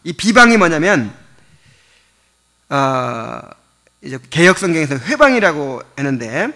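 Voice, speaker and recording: Male pastor, high animated voice, chatty teaching sermon full of rhetorical questions. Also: measured pace. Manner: conversational, explains step by step with rhetorical questions; chuckles often while teaching.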